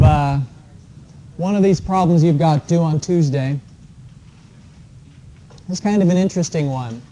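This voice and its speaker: Mellow-voiced male engineering lecturer. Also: on the high side, a little hiss or hum, rough recording. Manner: relaxed, explanatory, with frequent fillers. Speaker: engineering professor. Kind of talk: classroom lecture. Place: lecture classroom.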